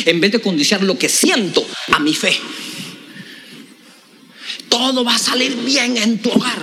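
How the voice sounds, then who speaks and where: A male pastor, preaching a lively, humorous sermon and repeating key words for emphasis. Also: on the high side, a little hiss or hum. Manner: animated, humorous preaching that acts out Bible scenes.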